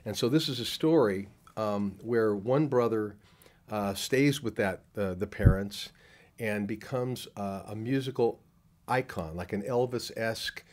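In a convention room with a wall of posters behind him, an older film producer is interviewed through the interviewer's handheld mic. He talks on the low side at a measured pace with a darkish tone, often restarting and using fillers.

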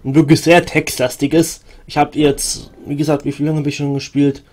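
Male game streamer, casual rambling commentary, somewhat higher pitch. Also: level tone, normal speed, a little mellow. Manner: rambling, many fillers and restarts. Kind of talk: let's play commentary, reading game text aloud.

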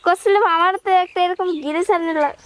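Girl playing a fast-talking village shopper, super high voice, haggling. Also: steady tone, slight background noise. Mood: bargaining. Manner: quick, bargaining. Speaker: village woman customer. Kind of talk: rural comedy drama acting.

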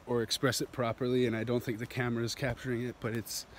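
Phone held out at arm's length, a man in his thirties vlogs his walk down a steep jungle path, laughing a lot as he rambles with enthusiasm. His medium-pitched voice barely moves in pitch, he speaks quickly, and there's slight background noise.

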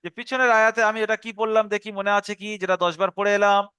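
A man gives a step-by-step online lesson, repeating each instruction so it sinks in. His voice is high and bright, smooth and clear, recorded dry and close. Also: little pitch movement, no room sound. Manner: explanatory, repeats instructions, slows to recite verses. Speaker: Quran teacher.

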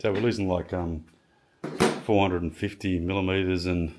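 A man casually walking through his workshop build, halting often with ums and restarts as he measures and explains. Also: low voice, level tone, noisy background. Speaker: home builder showing his project. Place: home garage workshop.

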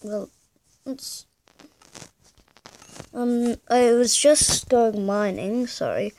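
A woman's voice: a little high, drawn-out words, a little mellow. A young woman casually commentating her gameplay, thinking aloud hesitantly and humming to herself. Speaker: gamer.

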